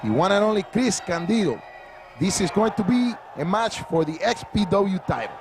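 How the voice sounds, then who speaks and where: A man's voice: sits high, lively intonation, moderate pace. A man giving emphatic play-by-play wrestling commentary, heard from a worn VHS tape copy. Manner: emphatic, repeats "ladies and gentlemen". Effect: worn VHS tape copy with hiss. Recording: worn tape hiss over loud arena crowd. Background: cheering wrestling crowd.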